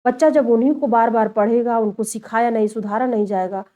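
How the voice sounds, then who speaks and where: A woman teacher giving an exam-prep lecture. She explains each point in turn, calls her students children, and slows down to show how words are said. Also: a little high, steady tone, mellow. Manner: slows down and stretches words when showing pronunciation.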